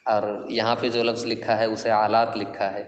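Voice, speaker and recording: In a reverberant classroom, a man with a lowish, fairly monotone voice teaches classical Arabic poetry in Urdu, breaking down each verse and testing students with questions. The recording is muffled and carries slight background noise.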